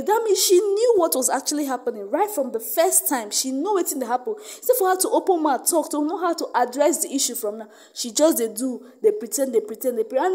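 A woman's voice: high voice, dark tone. A woman with a Nigerian accent giving casual gossip commentary, emphatic and repetitive, mixing in Pidgin.

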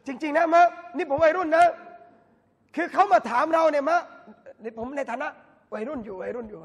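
A man, a religious lecturer, giving a lively talk at a mosque event and bantering with the audience through direct questions. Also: extremely high pitch, a little fast. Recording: long hall reverb from a mosque.

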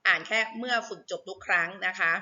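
A woman teacher giving a reading lesson, spelling out syllables slowly and patiently for students. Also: mid-range voice, sharp tone, muffled recording. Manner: slow, drawn-out spelling aloud.

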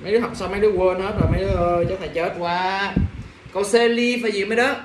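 High-voiced teacher drilling English words. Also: male voice, fairly even intonation, very fast, noisy background. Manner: drills pronunciation, quizzes students, exasperated asides. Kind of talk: classroom English vocabulary lesson. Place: classroom. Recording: echoey classroom from a distance.

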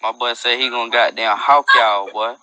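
A young man hosts a phone livestream at night from a dim room, boasting in loose street slang and breaking into freestyle rap between bouts of casual banter. His mid-range voice holds a fairly even intonation at a moderate pace, sounding pushed and bright. The recording is dry, captured on an earbud headset mic plugged into his phone.

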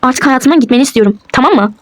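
A woman's voice: sits high, animated, rapid-fire. A woman voicing a defiant young wife in a toy role-play, with curt, dismissive retorts.

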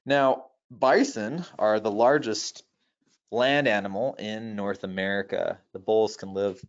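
Deep-voiced man giving a nature documentary-style talk. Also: steady tone, lo-fi sound. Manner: measured, informative, with halting self-corrections. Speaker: wildlife presenter giving a nature lecture.

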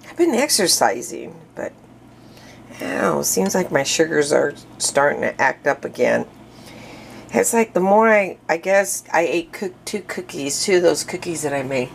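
A low-pitched woman talks slowly through a casual cooking demonstration in her home kitchen. She rambles, restarts her sentences and fills gaps with "um", a little out of breath. Faint clatter of pots and dishes sits behind her. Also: vocal fry, a little hiss or hum. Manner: rambling, chatty, many fillers and restarts. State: breathing hard.

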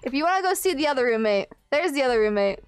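A woman's voice: high-pitched, lively intonation, quick pace, smooth, no echo, soft background music. A young woman live streamer chatting casually with viewers in a playful, giggly, exclamatory way, close on the mic. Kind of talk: casual livestream chat with viewers. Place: small room at home, indoors.

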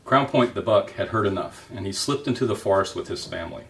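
A man reading a children's novel aloud in a gentle, unhurried storytelling manner. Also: on the low side, vocal fry, far from the mic.

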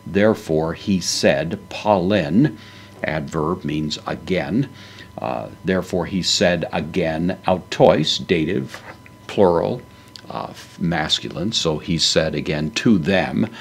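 A man's voice: deep voice, slow, creaky, slight background noise. A man teaching a Bible lesson, working through a Greek verse word by word in a methodical way with frequent fillers.

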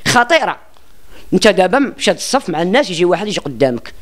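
A man's voice: high voice, sing-song, quick pace, a bit bright. A man with a Moroccan accent being interviewed about his singing, talking in a boastful and rambling way and often restarting his words. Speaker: self-described singer being interviewed. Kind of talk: casual interview talk.

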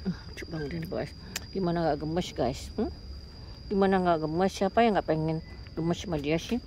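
A woman in a casual vlog who coos and playfully scolds her pets and calls to them in sudden high tones. She talks to her viewers between calls. Faint crickets and outdoor noise sit behind her. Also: normal speed, mellow. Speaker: vlogger.

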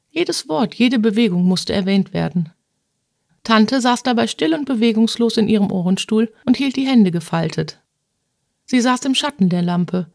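A woman reads a classic novel aloud in a measured, mid-pitched voice. She lifts her pitch to act out shrill cries in the dialogue. The sound is close and dry, with no room around it. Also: vocal fry, darkish tone, no room sound. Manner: acts out dialogue with raised pitch for shrill outbursts. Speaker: audiobook narrator. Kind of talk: scripted narration of a classic novel.

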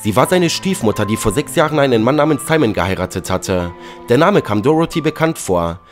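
A man narrating a dramatic story in a lively reading tone. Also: medium pitch, brisk. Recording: faint background music.

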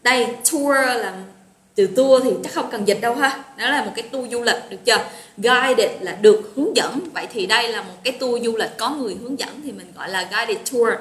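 A woman's voice: a little high, brisk, fairly bright tone. A woman teaching an English vocabulary lesson online, chatty and encouraging, greeting students by name. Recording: roomy echo with faint noise.

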